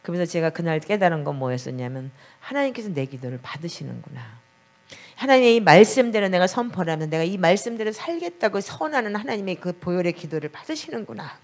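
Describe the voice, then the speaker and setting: A woman's voice: lowish voice, sing-song, fast. A middle-aged woman pastor preaching a sermon and telling a personal testimony with emotion. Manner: emotional storytelling, voice rises when praying aloud. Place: basement prayer room of a small church.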